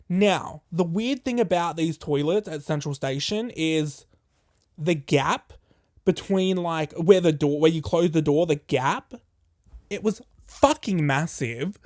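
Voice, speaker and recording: A podcast host, telling a story casually in a profane, animated and jokey way. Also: medium pitch.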